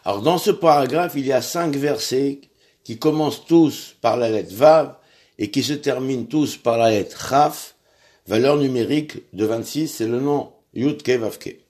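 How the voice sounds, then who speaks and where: A man's voice: medium pitch, a little mellow. Guy teaching a prayer class, stops and repeats himself a lot, sounds out hebrew letters. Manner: halting, repeats words while searching. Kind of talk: religious lesson.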